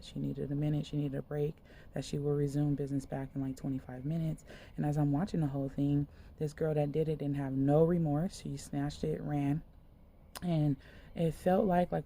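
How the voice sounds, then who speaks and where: A woman's voice: low-pitched, vocal fry, warm tone, a little hiss or hum. A woman minister giving a casual spoken sermon, retelling a dream in a loose, conversational way full of fillers.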